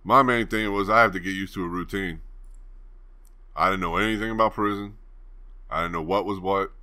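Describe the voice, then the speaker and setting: Deep, bright-voiced man telling a story. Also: steady tone, brisk. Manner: laid-back, rambling, swears freely. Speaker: channel host. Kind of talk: casual storytelling to camera.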